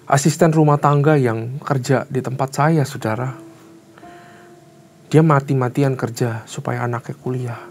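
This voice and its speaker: A man's voice: medium pitch, steady tone, a little slow, a little mellow. A man in his thirties teaching a Bible study as a conversational sermon, asking the congregation emphatic rhetorical questions in casual, colloquial phrasing.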